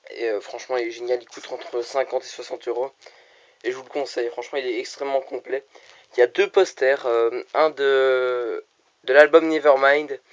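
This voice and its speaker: A man's voice: medium pitch, sharp tone. A young man chatting casually in a home vlog, rambling and hesitant with lots of fillers, recorded on a phone in his room. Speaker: channel owner. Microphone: phone camera.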